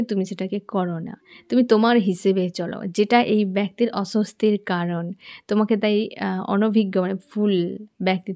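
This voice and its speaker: A woman reads tarot cards in a relaxed, conversational way. Her voice is mellow and warm, at an ordinary middle pitch. She talks to the viewer like a friend and often asks whether they follow. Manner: chatty, addresses the viewer as friend, asks "understand?". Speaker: tarot reader. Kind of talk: casual tarot reading to camera.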